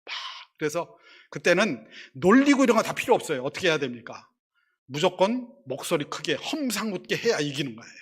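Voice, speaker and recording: Male pastor, husky and slightly high voice, conversational sermon delivery that acts out quarrels. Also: big pitch swings, brisk. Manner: conversational preaching, asks the congregation questions. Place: church sanctuary.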